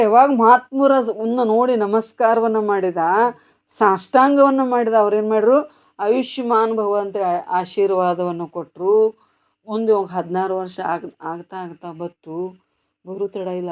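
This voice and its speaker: A woman giving a devotional sermon, telling a story and asking her listeners questions she answers herself, sometimes hushed and sometimes loud. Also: medium pitch, fairly even intonation, measured pace. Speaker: preacher. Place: ashram gathering.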